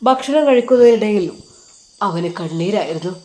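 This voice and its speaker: A woman's voice: mid-range voice, lively intonation, normal speed, warm tone. A woman with a Malappuram Malayalam accent narrating an Islamic story in an earnest, heartfelt way.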